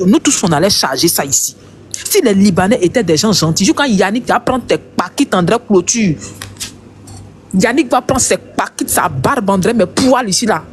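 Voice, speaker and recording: A man's voice: high voice, slight background noise. A man with an Ivorian accent giving heated online commentary, passionate and emphatic, repeating his points.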